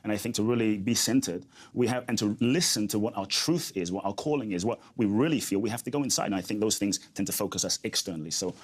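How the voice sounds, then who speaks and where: A man with a fairly low voice talks fast, barely pausing. He is a guest in an interview, speaking earnestly and reflectively and often repeating his key phrases. He grew up in London.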